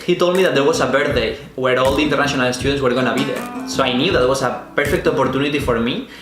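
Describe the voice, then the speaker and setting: Over music and with a reverberant sound, a Spanish man in his 20s shares his own story as a vlogger. His mid-range voice carries a Spanish accent, and he tells the tale earnestly and without rushing, making small restarts.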